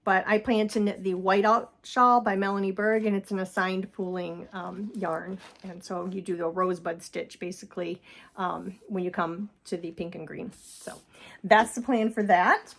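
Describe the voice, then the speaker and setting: A woman's voice: medium pitch, fairly even intonation, normal speed. A woman hosting a knitting vlog, chatting casually about her shawls with frequent laughs and fillers. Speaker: knitting podcast host. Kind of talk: casual chat showing knitted projects. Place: home.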